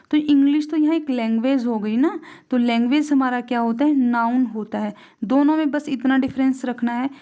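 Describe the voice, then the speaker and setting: An Indian woman teaching English grammar in Hinglish, her voice pitched a little high. She keeps asking questions and answering them herself. She reads each English example slowly and carefully before she translates it. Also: mellow, muffled recording.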